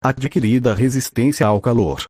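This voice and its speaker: Man voicing the inner system voice of a storybook, flat announcements, dry close sound. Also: mid-range voice, moderate pace, dry recording, close to an everyday voice. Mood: announcing. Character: mysterious system voice in the mind.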